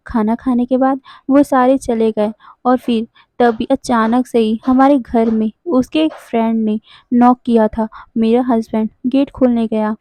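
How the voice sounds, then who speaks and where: A woman voicing a grieving young wife who recounts her ordeal haltingly, in a spoken storybook retelling. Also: a little high, steady tone, mellow, no room sound, natural voice.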